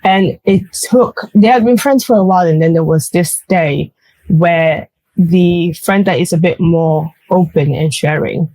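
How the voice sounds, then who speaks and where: A woman's voice: fairly low pitch, a little slow, dark tone, no echo, low-quality recording. A woman hosting a podcast conversation, speaking thoughtfully and earnestly with frequent restarts. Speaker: podcast host. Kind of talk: reflective conversational chat.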